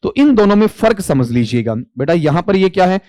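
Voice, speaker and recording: A man's voice: high-pitched, sing-song, brisk, a little mellow, no echo. A male English teacher with a Hindi accent, explaining an exam question and quizzing students, answering his own questions and calling them "beta". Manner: calls students 'beta'. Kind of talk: exam-prep lecture.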